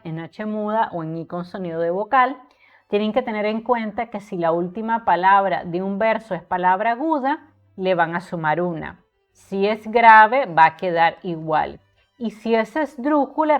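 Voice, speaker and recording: Woman tutor, patient explanatory lesson, counts syllables aloud, dull lo-fi sound, faint music behind. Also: mid-range voice. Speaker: literature tutor. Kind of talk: online poetry lesson.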